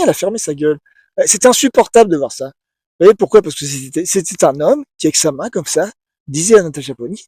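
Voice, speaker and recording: A man talks through his ideas in a casual, halting way, repeating words and restarting his sentences as he goes. His voice sits a little high but sounds mellow and soft-edged. The recording is dry and close. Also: no room sound. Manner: hesitant, many repeated words and restarts, often asks "vous voyez?". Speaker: video essayist. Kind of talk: casual spoken commentary to camera.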